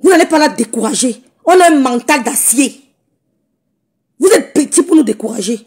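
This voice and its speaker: A woman with a hoarse, croaky voice, chatting casually on a phone live stream and greeting viewers by name. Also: high voice, lively intonation, normal speed, darkish tone.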